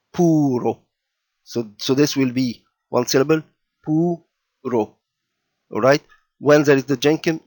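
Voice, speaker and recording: A man teaching children to read letters, patient and unhurried, often pausing with "okay" and repeating sounds slowly. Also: medium pitch. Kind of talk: slow explanatory lesson for children.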